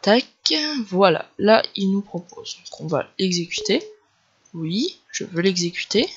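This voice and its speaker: A man's voice: high-pitched, expressive, measured pace, slightly rough. A man with a Northern French ch'ti accent, talking casually and loosely step by step through a computer tutorial. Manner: informal, loose step-by-step explaining. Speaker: tech tutorial creator. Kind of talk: casual screen-recorded tutorial narration. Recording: dull lo-fi home recording.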